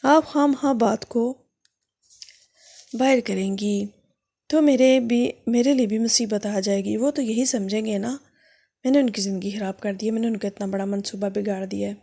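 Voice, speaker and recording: A worried female house maid, voiced by a woman in a storybook tale. She whispers her secrets in a confiding, pleading way. Her voice is husky and mellow, with a gravelly grain. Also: medium pitch, steady tone.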